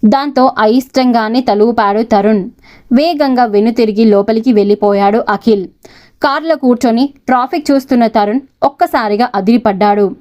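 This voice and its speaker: A woman storyteller giving scripted narration of a serial audio story in a steady, expressive reading. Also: on the high side, moderate pace.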